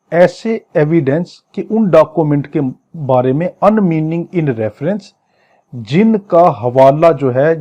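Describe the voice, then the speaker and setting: Teaching toward an exam, this Pakistani-accented law lecturer explains a legal passage phrase by phrase in a didactic style, often repeating and rewording himself and switching to slow readings in English. His voice is fairly high and warm, though the audio sounds dull.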